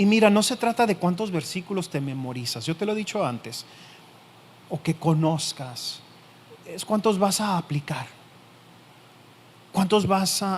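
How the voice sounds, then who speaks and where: Here a man delivers a sermon as a pastor, his pitch a bit high for a male voice, with a slight hiss or hum on the recording. Addressing the listener directly, he stresses and keeps coming back to the same key phrases, letting phrases that begin firmly fade into a hushed finish.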